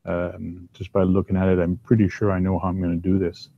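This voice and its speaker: At his downstairs workbench at home, a big-voiced man hosts a casual chat while tinkering with a hobby, rambling with plenty of ums and uhs. His voice is low, gravelly, and monotone, he talks a little fast, and the audio sounds narrow and tinny.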